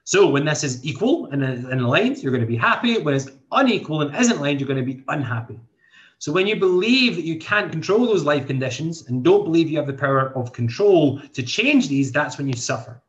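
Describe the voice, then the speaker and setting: A young man in his twenties hosting a motivational podcast, speaking earnestly and often restarting his sentences as he works through his ideas. His voice sits fairly high for a man. The recording sounds dull and lo-fi, with the upper frequencies muffled. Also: big pitch swings, a little fast. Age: 20s. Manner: earnest, thinks aloud with many restarts. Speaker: podcast host and coach.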